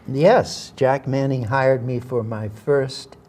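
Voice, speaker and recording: Older actor telling a rambling anecdote. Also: male voice, mid-range voice, steady tone, slow, a little mellow. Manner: hesitant, rambling with fillers and restarts. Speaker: interview guest, veteran actor. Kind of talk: anecdotal interview storytelling.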